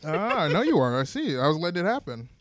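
A man co-hosting a casual dating podcast, talking in halting, self-conscious bursts full of restarts. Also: a little high, big pitch swings, a little hiss or hum. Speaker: podcast co-host. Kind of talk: casual chat.

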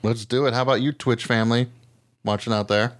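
A podcast co-host with a mid-range, steady voice talks a little fast, captured in clean studio sound with no room echo. The chat is casual and comedic, and he rambles, swears, and often pokes fun at himself.

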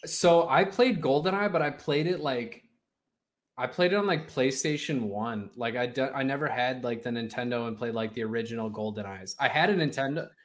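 A man in his mid twenties in casual podcast chat, halting and full of "like.". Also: medium pitch. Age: 20s.

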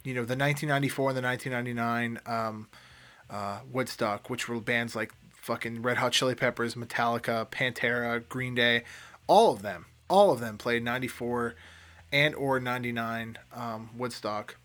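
A man chats casually on his solo podcast. His voice sits at a middle pitch. He rambles, swears freely and restarts his sentences often. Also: normal speed, a bit bright. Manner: rambling, profane, with frequent fillers and restarts. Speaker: podcast host.

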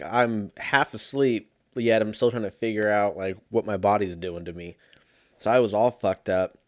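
A man's voice: on the low side, no echo, studio quality. A man in his thirties hosting a casual solo podcast, sounding drained after a sick night, rambling with profanity and frequent laughter. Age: 30s. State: low energy after being sick. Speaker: podcast host.

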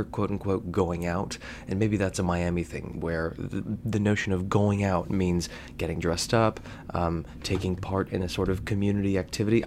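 A low-pitched man talks in a hushed, keep-it-down night-time voice, freshly woken. He hosts a podcast in a loose, unscripted way, with clear noise behind him. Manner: hushed, soft speech, keeping voice down at night. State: just woken up. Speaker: podcast host. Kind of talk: casual unscripted monologue. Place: at home in a quiet early morning.

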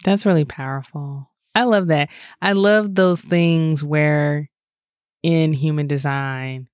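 Animated woman telling stories on a podcast. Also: low voice, takes it slowly, smooth, dry recording, clean studio sound. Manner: animated storytelling, acts out quoted dialogue, frequent "like". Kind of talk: casual chat.

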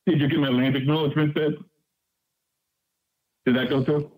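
A man's voice: fairly high pitch, flat delivery, normal speed, darkish tone. A male caller on a call-in show, heard through a muffled bluetooth headset mic and speaking in a mock-formal way. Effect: muffled bluetooth headset mic on a call-in line. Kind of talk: call-in to a livestream talk show. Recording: tinny muffled phone line.

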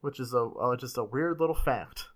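Podcast host rattling off history, swears a lot, jokey and quick. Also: mid-range voice. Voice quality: fast, swears freely, jumps into silly voices. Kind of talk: casual comedic chat.

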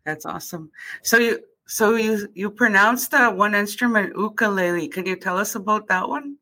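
A woman's voice: mid-range voice, moderate pace, creaky, sharp tone. A woman interviewing a musician, with short, enthusiastic replies between her questions.

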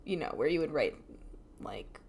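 A woman's voice: low voice, expressive, normal speed, creaky, darkish tone, breathy edge. A woman co-hosting a podcast, telling rambling stories in casual chat and giggling often. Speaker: podcast co-host.

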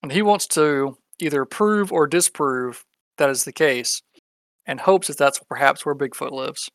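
A man's voice: on the high side, a little slow, a bit bright, dry recording. Dry-recorded male tabletop player. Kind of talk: casual tabletop role-play chat.

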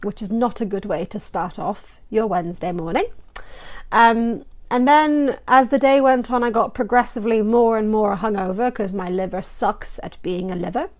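A woman's voice: medium pitch, moderate pace. A young woman co-hosting a podcast, chatting casually, swearing freely and laughing often. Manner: swears freely, giggly and animated. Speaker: podcast co-host. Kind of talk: casual chat.

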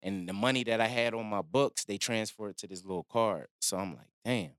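A man telling a long personal story in a relaxed, slangy way, acting out what people said. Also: on the low side, moderate pace, dry recording, clean studio sound. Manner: laid-back slangy storytelling, acts out quotes. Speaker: guest telling his story. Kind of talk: casual storytelling.

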